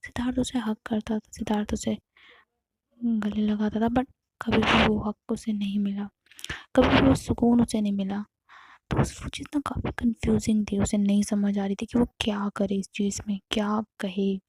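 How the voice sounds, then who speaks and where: Soft-spoken woman telling a story, mellow voice, dry close sound. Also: mid-range voice, little pitch movement, normal speed, breathy edge, no room sound.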